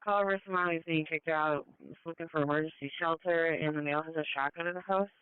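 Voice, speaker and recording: A woman's voice: low-pitched, quick pace, clean tone, no echo. A woman working as an emergency dispatcher, passing information to units over the radio. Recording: narrowband radio channel.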